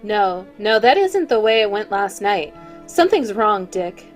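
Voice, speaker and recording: A woman's voice: medium pitch, big pitch swings, unhurried, faint music behind. A woman playing Tess, the detective's eager young sweetheart, in a 1940s-style radio drama read. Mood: worried. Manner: eager, enthusiastic.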